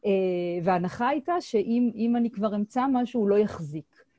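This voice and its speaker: Middle-aged woman, academic lecturer, halting delivery full of fillers, mellow voice, dry close sound, video call mic. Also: fairly high pitch, no echo. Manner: hesitant, with many filler sounds and restarts. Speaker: Holocaust historian presenting her research. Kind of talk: academic lecture at an online seminar. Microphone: computer mic on a video call.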